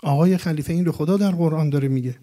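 Male preacher, higher-pitched, emphatic, lecturing to an audience. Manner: emphatic, rising to animated peaks with Arabic quotations. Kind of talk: religious lecture to a gathering.

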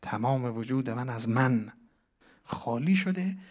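A man lecturing on mystical poetry, reciting verses and explaining them, with words that drop to hushed whispers and then rise to loud, emphatic declaiming. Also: mid-range voice, expressive.

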